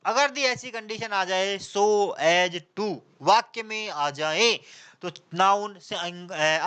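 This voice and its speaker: Bright, high-voiced animated male teacher. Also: smooth. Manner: animated, asks the class repeated questions and answers them himself; mixes casual slang with slow, drawn-out English example sentences. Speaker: English teacher for exam prep. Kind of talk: classroom lecture.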